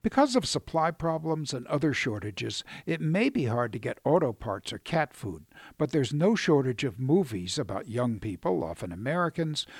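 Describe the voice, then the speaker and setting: A man's voice: mid-range voice, dry recording. A man delivering a scripted radio film review in a dry, wry, critical manner.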